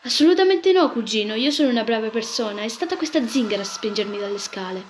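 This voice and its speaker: A woman voicing a jealous older noblewoman who shouts angry accusations, with music playing behind. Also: fairly high pitch, expressive, quick pace, background noise, natural voice. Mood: indignant. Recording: background music throughout.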